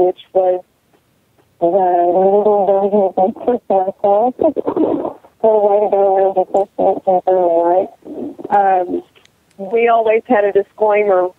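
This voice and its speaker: A woman's voice: medium pitch, no room sound. Blunt, matter-of-fact female co-host heard over a tinny, dry phone line. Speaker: co-host, wrestler. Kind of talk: casual radio chat.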